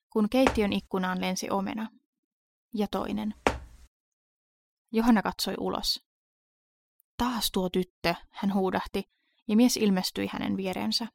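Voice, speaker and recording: Woman narrator, horror story reading; gravelly, dry close sound, steady pacing. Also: medium pitch, dry recording.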